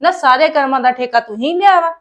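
A complaining, sharp-tongued wife from a home drama, played by a woman. Her voice is a little high, and her lines come out as steady reproach. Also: fairly quick, highs cut off, lightly acted. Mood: angry. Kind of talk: acted family drama dialogue.

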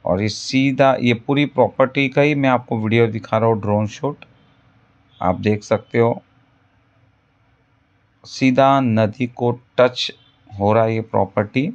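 A man selling farmland in a voice-over, repeating his selling points in a pitchy salesman's patter. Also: a little slow, pauses often, highs cut off. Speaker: land broker. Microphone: voice-over over drone footage.

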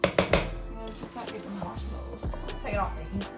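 A woman's voice: mid-range voice, fairly even intonation, normal speed. A young woman co-hosting a home cooking vlog, following the recipe and scolding her partner in a practical, matter-of-fact way. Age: young adult. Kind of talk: casual cooking vlog chat. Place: home kitchen. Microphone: phone camera some distance away. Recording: echoey kitchen from a distance, music behind.

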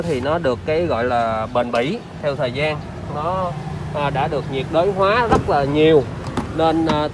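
A man with a southern Vietnamese accent giving an improvised used car salesman's walkaround pitch, repeatedly reassuring the viewers he addresses. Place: outdoor car lot and inside a car. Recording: clear outdoor car lot ambient noise.

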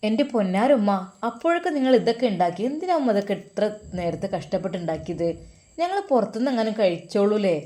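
A woman doing a calm young religious teacher. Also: medium pitch, quick pace, lightly acted. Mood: reassuring. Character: young male religious teacher, kind and practical husband.

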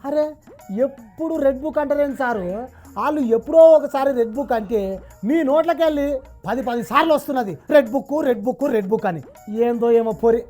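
A woman's voice: sits high, normal speed, mellow, soft background music. A woman with a Telangana Telugu accent hosting a comic satirical interview, bantering teasingly and delivering lines dramatically.

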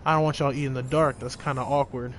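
Profane excitable man gaming commentary. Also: medium pitch, fast talker, a little hiss or hum. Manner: excitable, profane, reacts loudly to the game. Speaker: gaming channel host. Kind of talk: casual let's-play commentary.

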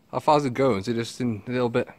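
A man's voice: mid-range voice, a little mellow. A man casually narrating a walking vlog while exploring woods and caves, exclaiming at what he finds. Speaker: vlogger. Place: woodland outdoors and inside a cave. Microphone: handheld camera mic.

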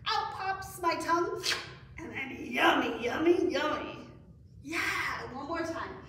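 Her voice is high and fairly bright, with lively intonation and a slow pace: a middle-aged children's librarian singing songs and counting cheerfully in a sing-song way during a kids' story time with reading and action songs. The far camera captures an echoey room and faint noise.

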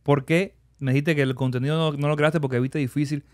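A man's voice: a little high, steady tone, a little fast, darkish tone. A man with a Cuban Spanish accent hosting a casual podcast, steering the talk and telling anecdotes. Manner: steers the talk, acts out quoted lines in anecdotes. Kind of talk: casual chat.

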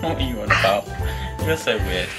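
A man in his twenties chatting casually during a game, teasing and excitable. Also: on the low side, brisk, music in the background. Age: 20s. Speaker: vlogger playing a party game. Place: small living room indoors. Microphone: camera mic a short distance away.

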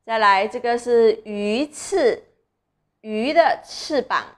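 A young woman teaches small children to read, sounding out syllables slowly. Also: on the high side. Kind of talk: children's reading lesson.

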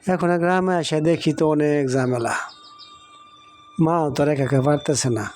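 A man voicing a polite, gentle young man in a cartoon. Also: fairly high pitch, normal speed, slight background noise, lightly acted. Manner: gentle, respectful. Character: polite young man, recently graduated son.

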